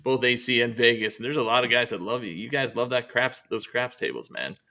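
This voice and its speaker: A man's voice: mid-range voice, a little fast, creaky, crowd noise. A man co-hosting a casual chat, with blunt, teasing and crude banter.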